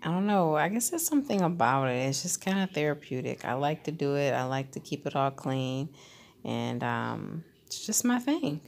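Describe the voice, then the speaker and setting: Low, gravelly-voiced woman narrating casually. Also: normal speed. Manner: chatty and relaxed, with fillers like "um" and "kinda". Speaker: lifestyle vlogger. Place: home recording, voice-over not recorded in the pictured kitchen.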